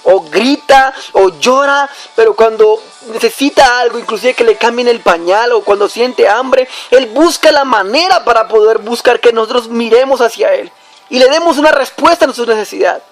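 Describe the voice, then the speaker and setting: A man's voice: extremely high pitch, moderate pace, faint music behind. A young adult man preaching a devotional teaching on prayer, addressing the listener directly point by point.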